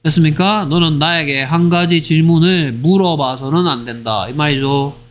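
A man teaching English grammar in a lively, teasing way, often checking whether students follow. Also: on the high side, normal speed, slight background noise. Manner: acts out short skits in other voices. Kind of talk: online grammar lecture.

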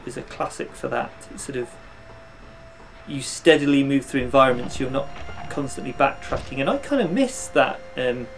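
A man's voice: mid-range voice, moderate pace, vocal fry, rough recording. A man in his thirties giving casual, jokey playthrough commentary, often talking to the game's characters. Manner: animated, jokey, talks to game characters. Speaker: gaming video host. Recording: game music behind voice.

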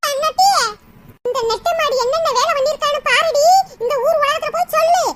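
A voice actor playing a fierce, scolding village mother-in-law in a cartoon. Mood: complaining. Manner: scolding, shrill nagging. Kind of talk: cartoon dub acting. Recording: loud background noise.

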